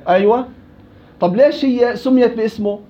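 A man's voice: extremely high pitch, fairly quick, warm tone, slight background noise. A man teaching a recitation class, asking students questions and quoting verses. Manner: questioning, explains with examples and quoted verses. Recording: dull lo-fi classroom recording.

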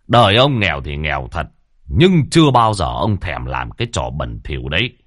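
A man voicing a poor, proud old village man who grumbles in a low, scornful voice. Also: big pitch swings, normal speed, a bit bright, dry recording, clean studio sound, full character voice.

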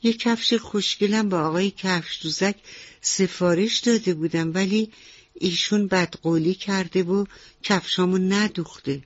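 A woman's voice: medium pitch, no room sound, pitched above the performer's own voice, lightly acted. A woman voicing a polite, shy female mouse in a radio bedtime story. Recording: dull lo-fi radio recording.

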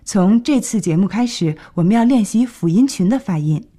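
A woman presenting a scripted radio language lesson, clearly explaining and translating each phrase. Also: medium pitch, expressive, moderate pace, dark tone. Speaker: radio English teacher.

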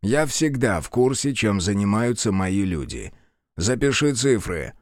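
A man voicing a gruff, short-tempered male general in his seventies who speaks slowly and barks orders in an audiobook. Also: on the low side, sing-song, darkish tone, no room sound, studio quality. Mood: stern. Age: 70s. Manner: slow, clipped, barking orders.

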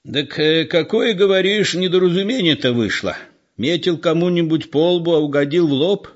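A man reading aloud voicing a shrewd, gruff old village man with folksy speech. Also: a little high, moderate pace, lo-fi sound, voice pushed up, close to an everyday voice. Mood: sly.

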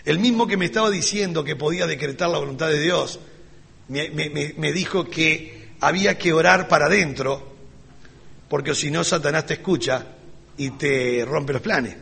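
A man preaching a sermon as pastor, ironic and sarcastic, with lively delivery. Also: on the high side, normal speed, vocal fry, husky. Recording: reverberant hall.

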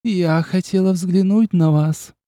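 A man's voice: sits high, fairly even intonation, a little slow, dark tone, dry recording, clean studio sound, pitched above the performer's own voice. Man voicing a mocking vampire countess. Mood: mocking, playful. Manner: teasing, sarcastic, coquettish.

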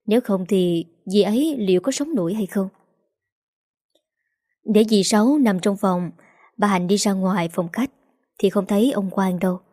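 Woman narrator, scripted story reading, mellow voice, dry close sound. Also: medium pitch, normal speed, pauses often, no echo.

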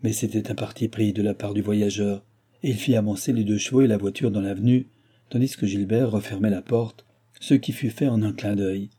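Man, audiobook narration, measured storytelling, low, very dark, husky. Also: steady tone. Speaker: audiobook reader. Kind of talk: audiobook narration of a classic novel.

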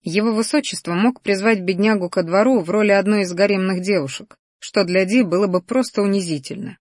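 A woman narrating a fantasy audiobook in a steady, even storytelling manner. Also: mid-range voice, brisk, no room sound, clean studio sound. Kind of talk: scripted narration.

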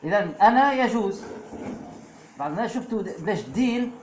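Male preacher, slightly high voice, echoey hall. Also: expressive, slight background noise. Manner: fillers and asides, slows to recite verses. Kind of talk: religious lesson. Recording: echoey room with faint ambience.

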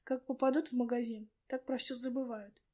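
A woman's voice: fairly high pitch, fairly even intonation, a little fast, dark tone, natural voice. A woman reading the part of judgmental old women at a checkout, scolding and disapproving. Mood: scornful.

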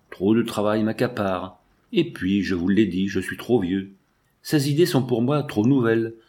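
A man's voice: lowish voice, a little mellow, close to an everyday voice. A man reading as a weary old male scientist.

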